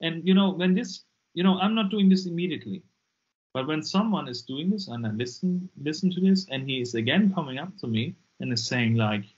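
A man's voice: a little high, animated, a little fast, darkish tone. Interview guest: German-accented man, 40s, emphatic and repetitive, muffled video-call audio. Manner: emphatic, repeats words when pressing a point. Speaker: guest, deliverance minister. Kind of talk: casual interview talk. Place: dim room indoors. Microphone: earbuds on a video call.

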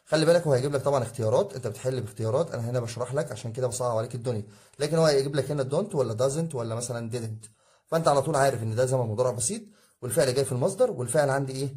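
An Egyptian-accented man teaches an exam review at breakneck speed. His voice is dark and warm, never sharp. He keeps asking the class questions and answering them himself, drilling each rule. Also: mid-range voice. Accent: Egyptian Arabic. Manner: addresses students as guys, drilling rules. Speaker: English teacher.

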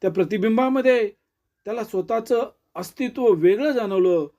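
A man's voice: high-pitched, moderate pace, warm tone. A man narrating a motivational story lesson in an earnest way, pushing up his voice on stressed words. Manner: earnest, with rising emphatic stresses.

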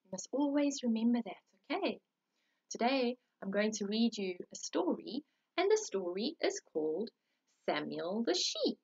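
A woman reading a storybook aloud to children in a gentle, sing-song way. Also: a little high, very animated, moderate pace, creaky, slightly rough, muffled recording.

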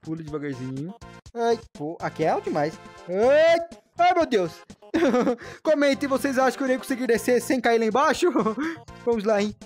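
A man with a Brazilian accent doing playful, excitable let's play commentary and often acting scared. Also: very high-pitched, moderate pace, soft background music. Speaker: gaming youtuber.

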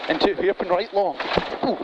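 A man working as a rally co-driver, calling rapid pace notes in clipped, urgent, repeated instructions. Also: high-pitched, lo-fi sound. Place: inside a rally car at speed. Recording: loud car engine and rattling noise.

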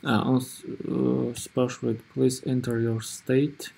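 A man narrating an informal screen tutorial as its presenter, in a hesitant, halting way, often repeating himself. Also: mid-range voice, flat delivery, gravelly, warm tone, slightly rough. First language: not Russian or rusty Russian speaker living abroad.

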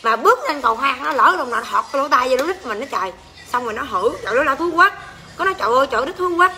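A woman's voice: high voice, expressive, rapid-fire, sharp tone. A woman with a Southern Vietnamese accent, hosting a casual livestream and ranting to her viewers in a crude, exclamatory, rambling way. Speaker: livestream seller and host.

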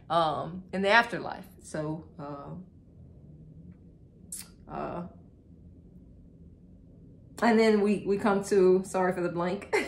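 A woman teaching a casual Bible study, halting with many fillers and restarts, laughing now and then. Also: lowish voice, slight background noise.

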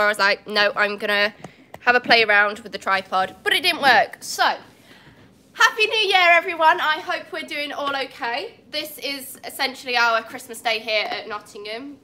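A phone on a tripod records a young woman from England, who has a cold, as she chats casually on a livestream inside a cat cafe with large windows. She is apologetic and laughs a lot, speaking in a high-pitched voice that sounds pushed and bright, with slight background noise.

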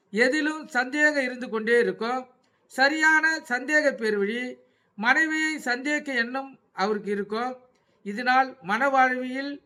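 A man giving an astrology lecture, speaking in measured phrases and often dropping his voice for a repeated reminder to take note. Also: pushed and bright. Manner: measured, repeats a low-pitched refrain telling listeners to take note.

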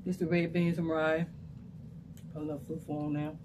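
A man vlogging while eating, chewing food as he talks slowly and casually to his viewers between contented murmurs. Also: on the high side, noisy background. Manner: slow, relaxed, drawn-out with contented murmurs. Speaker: mukbang vlogger.

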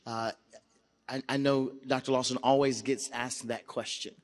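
A man's voice: medium pitch, normal speed. Man moderating a conference panel. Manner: relaxed, repeats words while framing questions. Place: large conference hall stage. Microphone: handheld mic.

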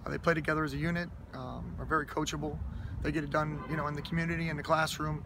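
A high school football head coach, gravel-voiced, slightly high-pitched and quick, answers interview questions outdoors beside a school stadium. His tone stays steady and his melody fairly flat, and he comes across as earnest and humble, restarting sentences and filling gaps with fillers. Outdoor noise and passing traffic hum in the background.

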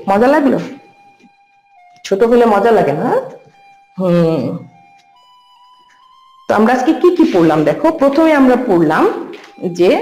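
Dark-voiced woman teaching in an echoey room. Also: mid-range voice. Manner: asks questions and answers them herself; repeats key terms slowly. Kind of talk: recorded online lecture. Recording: echoey room with faint music.

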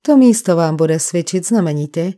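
Sly, smooth-talking fake doctor for a storybook reading, read by a woman. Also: fairly low pitch, animated, warm tone, natural voice. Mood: persuasive. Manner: falsely friendly, persuasive.

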